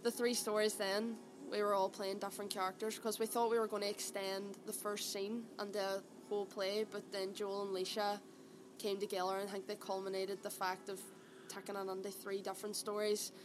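A woman's voice: mid-range voice, flat delivery, a little fast, hardly any pauses. A young woman with a Derry accent from Northern Ireland, chatting casually and colloquially as an actor being interviewed. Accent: Derry, Northern Irish. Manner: chatty, colloquial, peppered with "aye" and "like". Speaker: actor interviewed about a play. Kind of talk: casual chat. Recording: clearly noisy background ambience.

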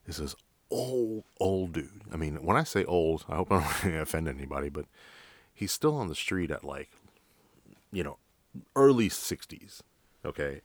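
A man's voice: deep voice, expressive, measured pace, long pauses, dry recording. A man with a New York accent, a police officer hosting a podcast, telling stories in a blunt, profane, direct way. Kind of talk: casual storytelling.

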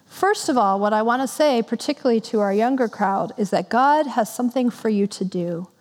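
A woman giving a sermon, reading scripture and then talking it through in a conversational, gently earnest way. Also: fairly high pitch, fairly quick. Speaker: preacher. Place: church. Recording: long reverb in a hall.

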